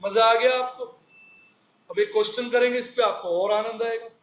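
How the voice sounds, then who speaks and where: A man's voice: very high-pitched, steady tone, moderate pace, a bit bright. A male accounting teacher giving a chatty recorded lecture, asking the class questions and answering them himself. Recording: echoey room.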